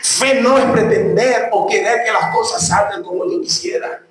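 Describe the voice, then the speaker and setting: Male preacher, high voice, emphatic delivery with shouted peaks; distant mic in a reverberant hall with faint noise. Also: normal speed. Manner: emphatic, repeats lines, swings between shouting and low tones. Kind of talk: sermon. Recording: echoey room from far off, faint noise.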